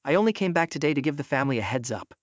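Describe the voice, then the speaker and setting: A man's voice: medium pitch, big pitch swings, racing, no echo, lightly acted. A man reading the lines of a blunt, exasperated young woman heiress in a story recap, matter-of-fact.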